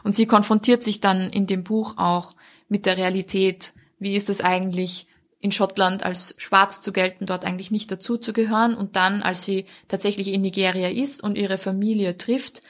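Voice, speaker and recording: A woman's voice: medium pitch, steady tone, normal speed, fairly bright tone. A woman discussing a book in a conversational review, fluent and explanatory, with occasional fillers.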